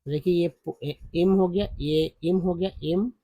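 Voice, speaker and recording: A man teaching English spelling and pronunciation from slides, repeating syllables slowly and calling viewers friends. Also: high voice, fairly even intonation, mellow, no room sound. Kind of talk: slide-based phonics lesson.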